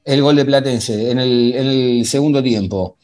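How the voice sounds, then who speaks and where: A man with an Argentine accent hosting a football podcast in a conversational, halting way, often repeating himself. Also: mid-range voice, darkish tone. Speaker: sports podcast host. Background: faint music.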